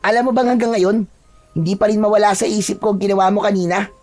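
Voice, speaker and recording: A man's voice: high-pitched, a little fast, pitched above the performer's own voice. A man doing a wounded young chieftain's son. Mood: resentful. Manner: reproachful and wounded.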